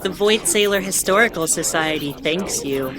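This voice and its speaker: A woman playing a starship captain who gives formal, measured bulletins with dry asides in an audio drama. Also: on the low side, a crowd in the background, close to an everyday voice. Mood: formal, composed. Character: female starship captain reading an official ship bulletin. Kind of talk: scripted in-character announcement, audio drama.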